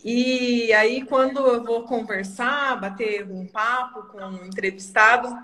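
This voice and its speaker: A woman's voice: fairly high pitch, steady tone, takes it slowly, pushed and bright. Chatty Brazilian woman host. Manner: chatty, laughs easily. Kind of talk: live online talk.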